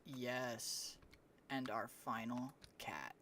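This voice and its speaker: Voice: mid-range voice, extremely slow, a little hiss or hum. A streamer chatting casually while playing a game live, cooing at animals and sometimes dropping to a whisper. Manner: drops into a hushed whisper at times. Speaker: livestreamer. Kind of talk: casual gameplay livestream chat. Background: faint keyboard and mouse clicks.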